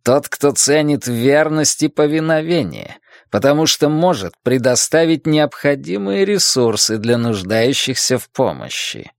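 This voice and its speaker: A man's voice: mid-range voice, big pitch swings, measured pace, creaky, no room sound, studio quality. A man voicing a domineering, scheming middle-aged male town boss in an audiobook. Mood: menacing. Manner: domineering and mocking.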